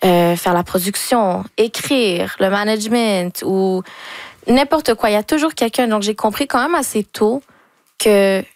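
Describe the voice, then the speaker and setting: A young woman from Québec, whose first language is French, chats in a relaxed way as an R&B singer guesting on a casual interview. She speaks Québécois French sprinkled with English words, at an unhurried pace and medium pitch, with no room sound.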